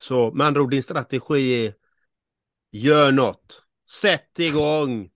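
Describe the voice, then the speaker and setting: A man's voice: mid-range voice, dry recording, studio quality. A man co-hosting a podcast, telling a personal story earnestly, with emphatic repeats and asides to the listener. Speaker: podcast co-host, coach. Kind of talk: casual podcast chat.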